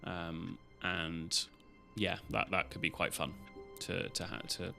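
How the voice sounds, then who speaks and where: Low-pitched British man rambling casually. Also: little pitch movement, takes it slowly, gravelly, sharp tone, faint music behind. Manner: rambling, loosely strung-together talk. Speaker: live streamer hosting. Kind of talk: casual stream chat.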